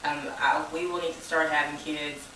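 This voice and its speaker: A woman's voice: low voice, little pitch movement, moderate pace, sharp tone, far from the mic, slight background noise. A woman, rambling in a casual personal vlog. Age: 20s. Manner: rambling, informal, says y'all. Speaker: vlogger. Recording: echoey room, voice a bit off mic.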